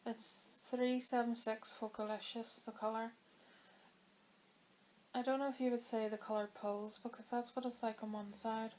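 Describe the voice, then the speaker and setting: A woman with a rather high, darkish voice talks about her knitting at a moderate pace with flat delivery. Coming down with a cold, her throat is dry as she chats and rambles to camera with lots of fillers, over slight background noise.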